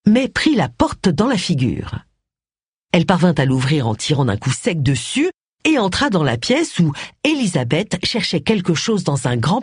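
Expressive storybook narrator, kinda husky, dry close mic. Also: mid-range voice, no echo. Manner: expressive, dramatic reading. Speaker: audiobook narrator. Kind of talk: scripted narration.

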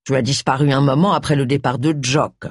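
A woman voicing a calm, wary man in an audiobook. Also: deep voice, normal speed, husky, no echo, studio quality, full character voice. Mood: suspicious.

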